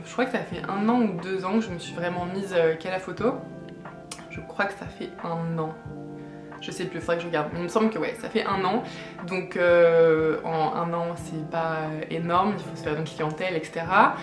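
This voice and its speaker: A French vlogger in her late twenties chats casually to camera in a lowish voice, with an echoey room around her. Her speech is full of hesitations and fillers.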